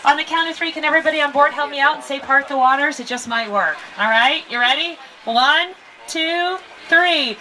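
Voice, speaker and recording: A woman tram tour guide giving an upbeat, playful scripted narration to riders, heard through an outdoor tram loudspeaker. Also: high voice, moderate pace. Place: open-air studio tour tram. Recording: distant outdoor loudspeaker with crowd and vehicle noise.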